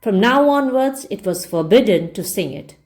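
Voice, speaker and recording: Here a woman narrates audiobook-style, acting as a read-along English teacher who explains word meanings while reading. She sounds animated, with a somewhat dark tone, a mid-range voice and a moderate pace.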